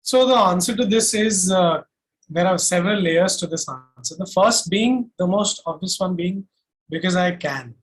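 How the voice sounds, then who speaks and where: A singer-songwriter and music producer with an Indian accent answers interview questions emphatically and self-assuredly, explaining methodically point by point. His voice is high-pitched at a moderate pace, on a low-quality recording.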